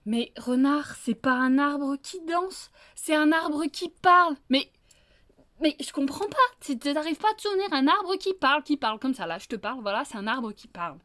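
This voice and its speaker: A woman voicing a scheming male wolf who grows loud and exasperated, stammering as he scolds. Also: fast, hardly any pauses, no room sound, natural voice. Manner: exasperated, shrill, stammering when upset.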